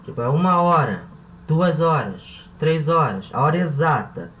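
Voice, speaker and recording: A man from Brazil teaching a video language lesson, patiently repeating words slowly and checking in with his viewers. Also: fairly high pitch, animated, fairly bright tone, a little hiss or hum. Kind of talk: classroom-style video lesson. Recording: echoey room with faint ambience.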